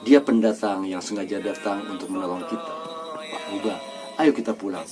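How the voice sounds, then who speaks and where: A man reading a storybook aloud and voicing a calm, commanding young warrior hero, with music behind. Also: lowish voice, brisk, lightly acted.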